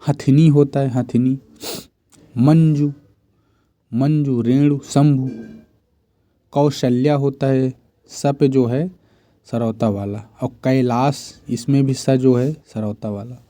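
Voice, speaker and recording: Slow, dark-voiced man drilling spellings. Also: medium pitch, fairly even intonation. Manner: recites correct spellings in short repeated phrases. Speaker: Hindi grammar teacher. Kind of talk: exam-prep spelling drill.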